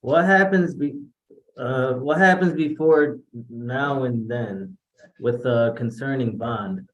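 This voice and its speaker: Give me a halting man on a roomy courtroom recording. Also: mid-range voice. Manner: halting, searches for words. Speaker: defendant.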